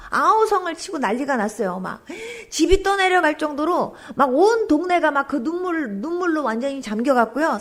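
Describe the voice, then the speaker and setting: A woman pastor telling her testimony in church, an animated storyteller who acts out sounds. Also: high voice.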